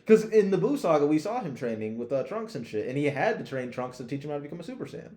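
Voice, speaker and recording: His voice sits on the high side, sing-song and warm, with a quick pace. He co-hosts a podcast chatting casually about anime, heavy on slang and swearing, in a roomy, echoey recording.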